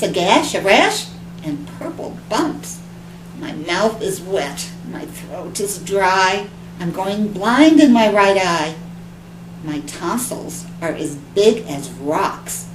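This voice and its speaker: A woman voicing a little girl who dramatically lists made-up illnesses in a whining voice. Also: mid-range voice. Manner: dramatic complaining, sometimes near whisper. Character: whiny little girl faking sickness. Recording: echoey room with background hum.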